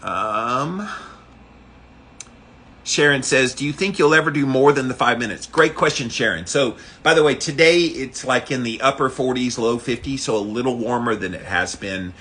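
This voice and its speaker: A man with a medium-pitched, slightly bright voice and a breathy edge talks at a normal speed. He's hosting a livestream of his daily ice bath challenge, chatting casually and explaining things informally to viewers. Faint background noise sits under the recording.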